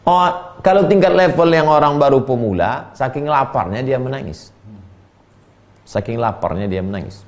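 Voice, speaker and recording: A man preaching and teaching from a classical text. He reads Arabic phrases, explains them slowly and acts out the people in his stories with sudden high-pitched voices. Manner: animated storyteller, voicing characters with sharp pitch jumps.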